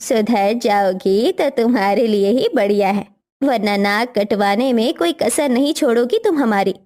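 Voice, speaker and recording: A woman's voice: a little high, darkish tone, lightly acted. A woman doing a stern scolding mother-in-law. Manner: slow, commanding, scolding. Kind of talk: cartoon story voice acting.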